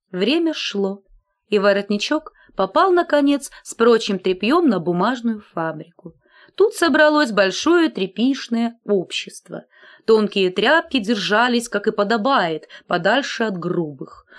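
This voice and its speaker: Expressive woman reading a fairy tale. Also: fairly high pitch. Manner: expressive storytelling. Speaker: narrator. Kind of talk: scripted fairy-tale narration.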